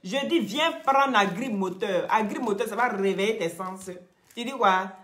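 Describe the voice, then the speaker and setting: A woman's voice: medium pitch, moderate pace, fairly bright tone, roomy sound. A woman from Cameroon with a Cameroonian French accent, talking on a live stream in a mocking, scolding way and repeating her points. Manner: mocking, scolding, repeats herself, breaks into laughs. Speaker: social media live streamer.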